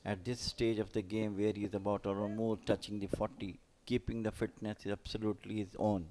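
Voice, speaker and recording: A man's voice: on the low side, level tone, a little fast, warm tone. A man commentating live on cricket, offering loosely phrased, explanatory analysis of play and players.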